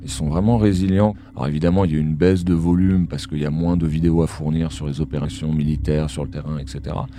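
A man's voice run through a voice changer, dropped to an extremely deep, unnatural pitch. He talks as an analyst guest in an interview, calm and explanatory, pausing often on fillers as he thinks. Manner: measured explanatory talk with frequent hesitations. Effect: voice changer, disguised voice. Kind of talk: podcast interview.

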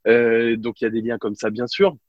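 A French man telling lively anecdotes in a casual interview, with lots of fillers and restarts. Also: mid-range voice, fairly quick, dry recording, highs cut off. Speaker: guest, former basketball reporter.

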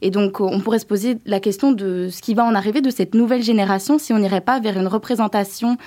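A woman presents in a medium-pitched voice. Her delivery is informal and explanatory, like a radio-style talk. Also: quick pace, warm tone.

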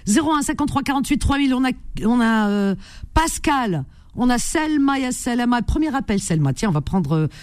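This is a woman hosting a radio call-in show, her voice sitting high. She chats casually and reads an article aloud, halting often with fillers and restarts. The studio mic sound is close and dry, with no room around it. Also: expressive, dry recording.

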